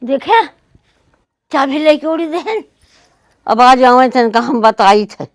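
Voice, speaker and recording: Lady playing annoyed village woman, awadhi accent, high voice, slow muttered complaining, comedy skit. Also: lively intonation, dry recording, clean studio sound, exaggerated voice. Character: annoyed village woman waiting at a locked door. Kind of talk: comedy sketch acting in Awadhi.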